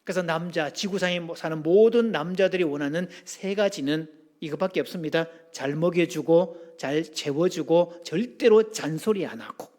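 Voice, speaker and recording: A pastor preaches in a high, bright-pitched voice. He keeps the sermon lively and humorous, and he throws questions out to the congregation as he goes. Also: moderate pace, hardly any pauses. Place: church sanctuary.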